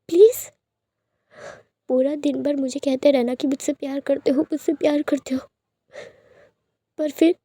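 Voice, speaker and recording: A woman voicing an angry young man scolding and shouting at his beloved in a storybook reading. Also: high-pitched, no room sound, studio quality.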